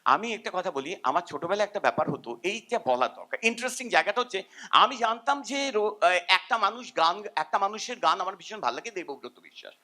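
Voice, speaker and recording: A man's voice: sits high, a little fast. An older man, a musician, giving an informal, rambling seminar talk and humming melodies now and then. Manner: animated, rambling, self-deprecating, hums tunes.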